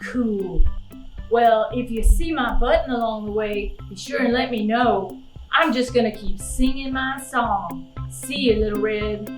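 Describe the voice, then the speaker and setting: An easygoing, groovy cat puppet, performed by a woman for a children's show. The delivery is slow, mellow and drawling, drifting toward sing-song. The sound is roomy and echoing. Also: fairly high pitch, faint music behind, natural voice. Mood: laid-back. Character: laid-back, easygoing, groovy singing cat.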